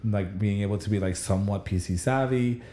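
A man's voice: fairly low pitch, a little fast, warm tone, roomy sound, a little hiss or hum. A man in casual chat, reflective and rambling, with lots of restarts. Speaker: administrator going back to school.

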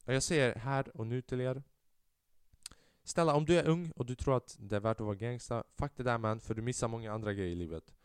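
Animated young man telling a story. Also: clear, resonant tone, dry recording, clean studio sound. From Sweden. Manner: animated, swings from loud outbursts to low mutters; mixes in English slang and swearing. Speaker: podcast host. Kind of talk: casual storytelling.

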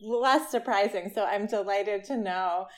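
Female author as interview guest: mid-pitched, thoughtful, well-spoken, lightly humorous. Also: a little slow. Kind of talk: thoughtful conversational interview answers.

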